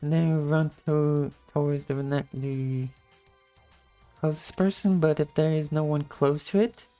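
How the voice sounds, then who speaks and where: A woman with a low-energy, just-woke-up morning voice giving a casual gameplay tutorial in commentary style. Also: fairly even intonation, measured pace, mellow, faint music behind. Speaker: video game guide narrator.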